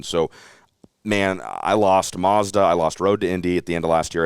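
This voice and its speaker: A man's voice: extremely low pitch, smooth, dry recording, clean studio sound. A young man, a racing announcer, talking earnestly and reflectively as a podcast guest, livening up when he tells stories. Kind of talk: candid interview chat.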